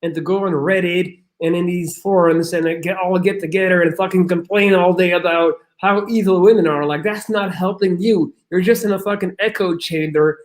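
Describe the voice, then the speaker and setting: A man's voice: high voice, fairly even intonation, moderate pace, few pauses. A young man from Belgium, a podcast guest talking in casual chat, blunt and rambling, swearing often and restarting his sentences.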